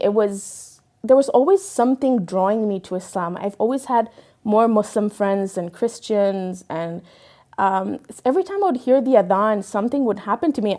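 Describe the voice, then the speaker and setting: A young woman raised in Dubai tells her personal story as an interviewee, her medium-pitched voice warm. She is earnest and reflective, using frequent fillers and restarting her sentences.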